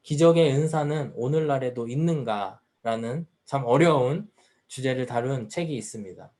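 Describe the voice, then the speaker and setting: A man's voice: medium pitch, moderate pace, darkish tone. A man preaching a sermon at a youth service as the pastor, earnest and full of rhetorical questions. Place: church.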